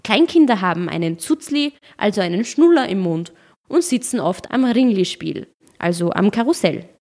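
A woman with a mid-pitched voice narrates a scripted explainer. Her delivery is clear and explanatory, with a light playful touch at the ends of points. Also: animated, moderate pace, a little mellow.

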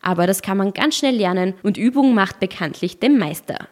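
A woman giving scripted documentary narration in a clear, explanatory and lightly playful way. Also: mid-range voice, animated, normal speed, a little mellow.

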